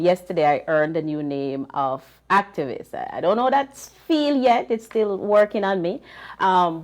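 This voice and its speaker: A Jamaican woman speaking as a panelist in casual talk, with frequent ums. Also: low-pitched.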